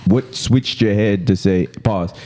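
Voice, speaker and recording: A man's voice: lowish voice, a little slow, mellow. A man hosting a casual interview, asking questions with stammered repeats. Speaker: podcast host.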